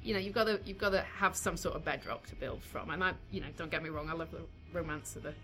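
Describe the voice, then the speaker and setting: A woman co-hosting a casual football chat, thoughtful and measured, repeating words as she thinks. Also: deep voice, fairly bright tone, a little hiss or hum. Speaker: podcast co-host.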